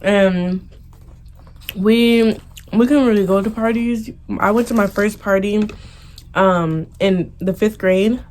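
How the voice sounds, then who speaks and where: A woman's voice: mid-range voice, slow pace, a little mellow. A young American woman chatting casually and informally as she tells stories in a mukbang video, prone to giggling. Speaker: vlogger. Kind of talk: casual storytime chat during a mukbang.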